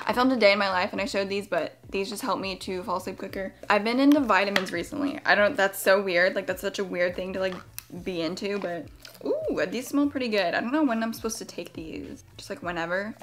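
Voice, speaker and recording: A woman vlogger chatting straight to her audience in a loose, rambling way. She jumps between thoughts and often cuts herself off mid-sentence. Her voice sits at an everyday middle pitch. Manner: chatty, rambling, self-interrupting. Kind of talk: casual vlog chat.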